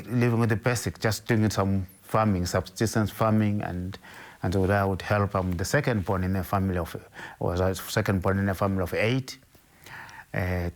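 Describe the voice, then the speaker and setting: An older Zimbabwean man with a very low, deep voice recounts his life in an interview. He speaks slowly and carefully, measured and hesitant, often pausing and restarting sentences as he recalls his past.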